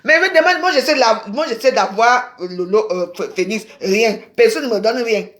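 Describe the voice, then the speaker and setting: A woman, chatting on a casual phone livestream in an excitable, rambling way with sudden exclamations. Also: a little high, moderate pace. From Cameroon. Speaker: live streamer. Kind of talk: casual Facebook live chat.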